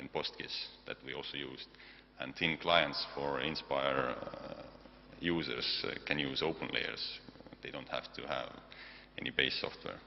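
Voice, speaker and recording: A man from Estonia with an Estonian accent, giving a technical conference presentation in a halting, hesitant way with frequent pauses. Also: rumbling low, vocal fry. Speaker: conference presenter, software developer side. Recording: dull, noisy hall recording with long reverb, hum.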